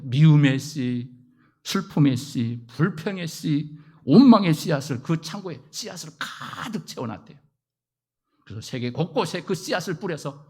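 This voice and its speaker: A middle-aged male pastor preaching a sermon, acting out prayers and quoted voices and swinging from loud declarations to hushed asides. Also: medium pitch, husky.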